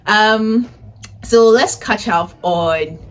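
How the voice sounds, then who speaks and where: Speaking from a room in a family house, a twenty-something vlogger and data analytics teacher catches viewers up on her personal news. She addresses them directly and chattily, drawing out words in a medium-pitched, fairly bright voice and tagging phrases with "right?"; slight background noise is present.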